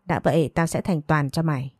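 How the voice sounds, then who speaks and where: A spiteful young wife taunts with cold sneers, as a woman narrator puts her on. The voice is low and warm, recorded dry. This is a storybook reading. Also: fairly even intonation, a little fast, husky, dry recording. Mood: sneering.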